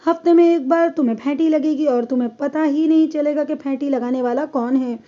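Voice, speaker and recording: A woman's voice: sits high, fairly even intonation, mellow, lo-fi sound, close to an everyday voice. A woman reading as a defiant young wife. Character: defiant young wife giving a police statement. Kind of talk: audiobook reading.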